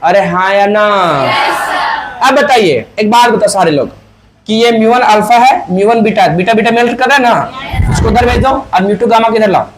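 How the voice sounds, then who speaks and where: A man with a Hindi accent teaching physics to a class, firing questions and loudly prompting his students to answer in chorus. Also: sits high, moderate pace. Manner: quizzing students, prompting answers, loud emphatic calls. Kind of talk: classroom lecture with call-and-response. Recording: noisy classroom with crowd.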